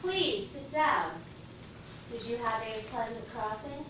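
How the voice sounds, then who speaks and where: Woman as female robot typist: flat, literal, obedient; stage play, distant mic, noisy echoing room. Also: a little high, takes it slowly. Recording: echoey room from far off with noise.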